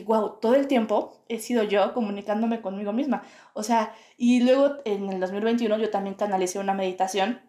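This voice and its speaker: A young woman muses aloud as a podcast host, her mid-pitched voice carried by a roomy, echoing room. She talks in loose, winding phrases full of fillers. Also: warm tone. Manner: musing, many fillers like "o sea" and "como". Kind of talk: reflective spiritual monologue. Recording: roomy, echoey home room.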